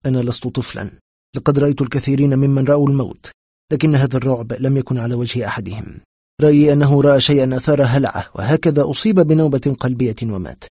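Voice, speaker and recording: A man's voice: mid-range voice, racing, warm tone, slightly rough, dry recording, studio quality. A man voicing a weary, blunt police lieutenant colonel in a spoken horror story, dismissive and matter-of-fact.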